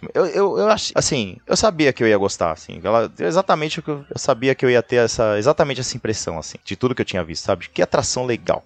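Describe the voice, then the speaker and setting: A man's voice: medium pitch, gravelly. A Brazilian man hosting a podcast, telling a travel story in casual chat, peppering his talk with fillers like cara and né. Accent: Brazilian Portuguese. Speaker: podcast host.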